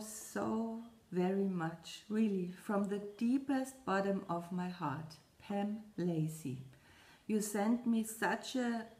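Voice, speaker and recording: A woman talks casually to her stitching audience in a slow, unhurried way, her mid-pitched voice ringing in an echoey room at home. She rambles, restarts her sentences and keeps apologizing. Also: a little mellow. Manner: rambling, halting, often apologizing. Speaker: cross-stitch vlogger. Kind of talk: casual chat to camera.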